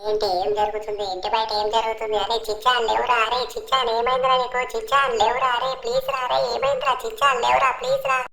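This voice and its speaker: A woman's voice: a little high, flat delivery, quick pace, creaky, hardly any pauses, sharp tone. A woman voicing an anxious young man in a gaming cartoon voiceover, pleading and repeating himself in a panic. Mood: panicked. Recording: echoey room with faint music.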